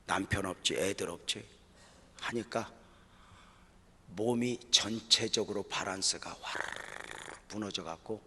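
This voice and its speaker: A middle-aged man preaching to fellow pastors at a seminar, telling a personal story with strong feeling, sinking to a hush and then rising loud again. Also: low-pitched, breathy edge. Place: church hall. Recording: long reverb of a large hall.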